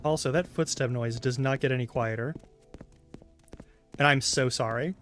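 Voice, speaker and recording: This is another casual game live stream where a man rambles frankly and swears without a second thought. He speaks in a mid-range, slightly bright voice at normal speed, with faint music playing behind him.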